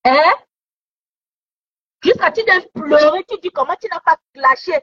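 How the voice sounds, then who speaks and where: A woman's voice: very high voice, animated, measured pace, a bit bright. A woman giving heated commentary online, scolding someone with repeated taunting questions. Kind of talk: heated social media commentary. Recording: dull lo-fi sound.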